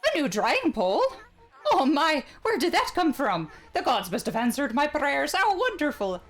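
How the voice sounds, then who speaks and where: A woman's voice: high-pitched, very animated, moderate pace, soft background music, voice pushed up. A woman voicing a cheerful, fussy old village woman in a put-on Irish accent while reading game dialogue. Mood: fussing, delighted. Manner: sing-song, fretting and delighted.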